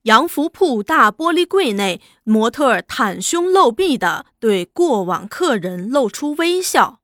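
A woman narrating a serialized novel in an expressive, lively storytelling manner. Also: fairly high pitch, no room sound, studio quality. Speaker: audiobook narrator.

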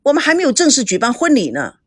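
A sharp-tongued young woman who speaks in a pointed, teasing way with a lively, wide-ranging voice, as a woman storyteller puts her on. The sound is dry and close. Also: high-pitched, quick pace, dry recording, pitched above the performer's own voice, heavily acted. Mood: scolding.

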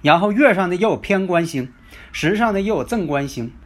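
A man hosting a lesson on Chinese metaphysics, telling teaching stories in an unhurried way, full of drawn-out filler particles. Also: sits high, lively intonation. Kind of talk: storytelling lecture.

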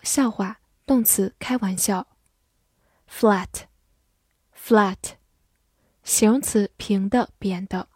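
Slow, warm woman reading vocabulary. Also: mid-range voice, dry recording. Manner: repeats each word twice, then gives its meaning. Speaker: English vocabulary teacher. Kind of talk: slow, careful word-by-word vocabulary drill.

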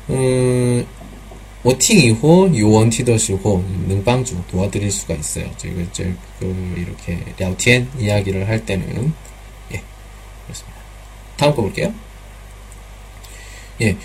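A man's voice: fairly low pitch, a little mellow, a little hiss or hum. A man teaching pronunciation in a live online class, patiently repeating drill sounds and mixing in some Chinese words.

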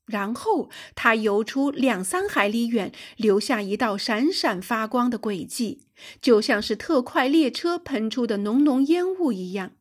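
A woman's voice: a little high, unhurried, husky. A woman narrating a sci-fi adventure audiobook for young listeners, telling it expressively. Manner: expressive storytelling.

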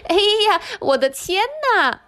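A woman reading a storybook aloud, voicing a tiny, easily startled old woman with high squeaky cries. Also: a little slow, a bit bright, faint music behind. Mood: scolding gentle.

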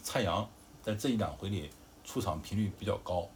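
A man's voice: low-pitched, brisk, a little hiss or hum. A father casually retelling a classic tale to his child, chatty and explaining, with fillers and asides. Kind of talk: casual storytelling.

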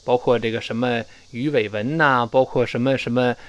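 A middle-aged man teaching spoken English in Mandarin, explaining phrases and slowly modeling pronunciation. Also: medium pitch, fairly even intonation.

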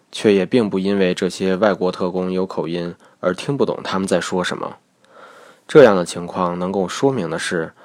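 A man narrating a recorded lesson on English pronunciation in a measured, methodical way. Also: low-pitched.

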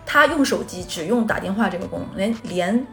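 A woman co-hosting a podcast, telling stories in fast, animated casual chat. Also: medium pitch, gravelly, soft background music. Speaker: podcast co-host.

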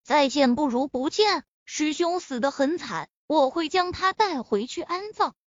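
A woman's voice: high-pitched, expressive, measured pace, dry recording, muffled recording. A woman voicing a cold, curt male martial artist.

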